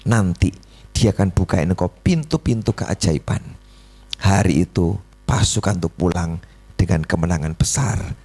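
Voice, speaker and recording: A middle-aged man with a Javanese accent preaching a sermon, telling a story animatedly and often jumping into a high voice when he acts out dialogue. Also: expressive, moderate pace, warm tone, slightly rough. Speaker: pastor.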